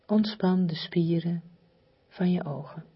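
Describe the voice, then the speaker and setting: A woman guides a relaxation exercise in a very breathy, soft voice that often sinks toward a whisper. She speaks slowly and hypnotically, soothing and repetitive, leaving long pauses. Her pitch is on the low side, and the recording is slightly muffled.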